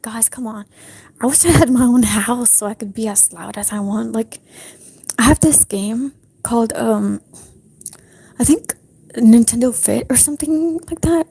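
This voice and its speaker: A young woman livestreaming in a breathy whisper, rambling casually with lots of fillers from her apartment restroom. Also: a little high, dark tone. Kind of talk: whispered casual stream chat.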